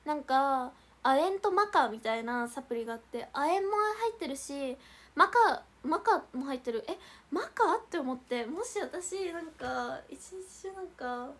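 A woman's voice: high-pitched, lively intonation, unhurried, a bit bright. A young woman hosting a casual idol livestream, chatting and reading out viewer comments with frequent giggles.

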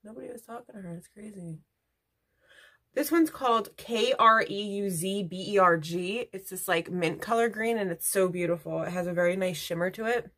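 A woman's voice: medium pitch, moderate pace, fairly bright tone. A woman beauty vlogger chatting casually at home while doing her makeup, rambling into asides. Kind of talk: casual get-ready-with-me chat.

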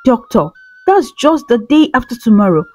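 A woman's voice: on the high side, sing-song, normal speed. A woman voicing a worried, pleading man. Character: anxious devoted man pleading with a doctor. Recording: slightly dull recording with soft music.

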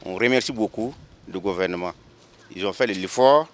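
A man's voice: lowish voice, normal speed. Man interviewed outdoors, from afar. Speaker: transport union member. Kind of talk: street interview.

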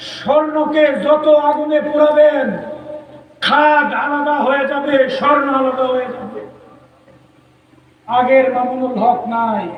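A man's voice: very high voice, a little hiss or hum. A man from Bangladesh preaching an impassioned sermon with rhetorical questions and chanted repetition, heard over a public address system at a large gathering. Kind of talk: fiery Bengali waz sermon. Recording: echoey distant PA, slightly dull.

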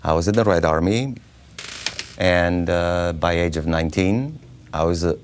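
A middle-aged man with a Bulgarian accent tells his life story in an interview with animated humor. His voice sits very low, with a faint hiss behind it. The sound is close, from a lapel mic in a small studio. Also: measured pace. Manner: animated and joking, laughs often. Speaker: guest actor. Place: small studio with dark curtain.

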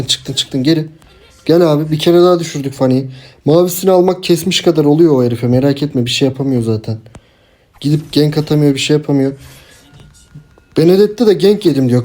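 Young man with a mellow voice, chatting over gameplay. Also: a little high. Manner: chatty, frustrated outbursts, talks to teammates. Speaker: gameplay streamer. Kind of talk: casual live gameplay commentary.

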